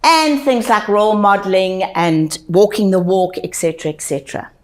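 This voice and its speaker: A woman giving a motivational webinar talk. She speaks emphatically and repeats key lines slowly for effect. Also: mid-range voice. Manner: emphatic, slow deliberate repetition for effect. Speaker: wellness webinar presenter.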